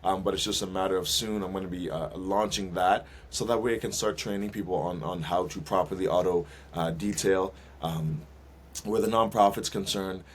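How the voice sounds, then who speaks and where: A man, a minister and detailing business owner, speaking as a guest in a casual interview, thoughtful and filling pauses with um and uh. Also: sits low, steady tone, slight background noise. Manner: thoughtful, many fillers and restarts.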